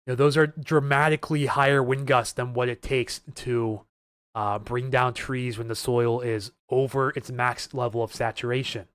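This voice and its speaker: A man's voice: mid-range voice, steady tone, normal speed, fairly bright tone, smooth, no echo, studio quality. A man hosting a live weather stream, talking casually and urgently to viewers, nervous and earnest. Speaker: weather livestream host.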